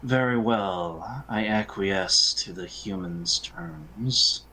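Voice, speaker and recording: A man's voice: low voice, bright, forceful tone, husky, full character voice, low-quality recording. A man voicing a haughty, cold male elf noble who speaks with imperious disdain. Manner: imperious, sighing, slow and disdainful.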